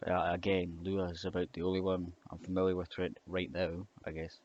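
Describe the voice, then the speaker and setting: A man's voice: low-pitched, little pitch movement, a little fast, darkish tone, a little hiss or hum. A young man giving a casual coding tutorial, hesitant and rambling with many fillers and restarts, over keyboard clicks. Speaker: scripting tutor. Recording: dull lo-fi mic with keyboard clicks. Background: typing and mouse clicks.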